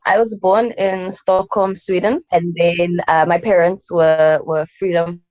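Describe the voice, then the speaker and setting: A woman in her thirties with a notably low voice talks reflectively as an interview guest, pausing on soft fillers as she thinks aloud. The recording is dull and lo-fi, and it sounds dry and close. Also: steady tone, no echo. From South Africa. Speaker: guest, anthropologist and poet. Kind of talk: casual interview conversation.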